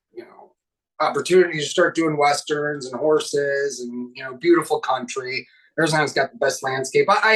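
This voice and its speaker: Relaxed male guest, laughs easily, heard a little off-mic. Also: mid-range voice, far from the mic, low-quality recording. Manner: easygoing, laughs often. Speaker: guest, filmmaker. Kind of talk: casual interview chat.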